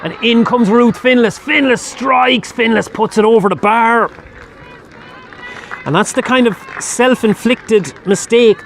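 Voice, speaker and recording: A man with an Irish accent giving live play-by-play commentary at a match, rising sharply when a score comes. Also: a little hiss or hum. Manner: rises sharply in pitch and volume at scoring chances.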